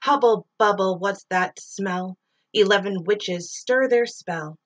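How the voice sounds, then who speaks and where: A middle-aged woman reads a rhyming children's story with lots of expression, drawing out words and sound effects as a teacher might for pupils. Her pitch is medium and her delivery slow.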